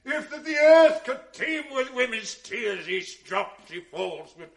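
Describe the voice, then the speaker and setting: An actor playing Othello, a jealous, tormented general, in a 1980s radio drama, moving between hushed brooding and raging outbursts. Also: male voice, extremely high pitch, very animated, slow pace, vocal fry, heavily acted. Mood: raging, bitter. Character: jealous, tormented male general, middle-aged.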